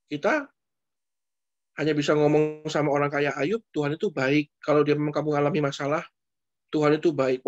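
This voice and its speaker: A man speaking as a pastor, answering a question in a relaxed, conversational way. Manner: conversational, repeats "Pak" often, lively swings in pitch. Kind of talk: casual preaching answer in an online church session. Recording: dull lo-fi online stream audio.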